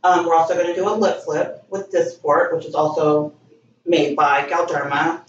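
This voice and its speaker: A woman's voice: low voice, fairly even intonation, normal speed. A woman guest, a cosmetic injector, explaining her work casually in an interview. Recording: echoey room, distant dull mic, faint noise.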